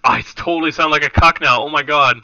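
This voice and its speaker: A man's voice: on the high side, brisk, sharp tone, no echo, highs cut off. A man streaming a game live, chatting casually and swearing freely with his friends. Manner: loose, profane, chummy banter.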